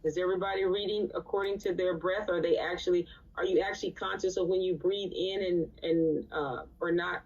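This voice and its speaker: A woman's voice: fairly low pitch, steady tone, brisk, hardly any pauses, darkish tone. A woman teaching a live recitation class in a conversational way, often checking in with her students. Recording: distant, dull lo-fi sound.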